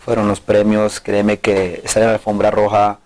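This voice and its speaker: A man being interviewed as a guest, answering slowly and with some hesitation. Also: on the low side, completely flat delivery, a little mellow, a little hiss or hum. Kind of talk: casual interview.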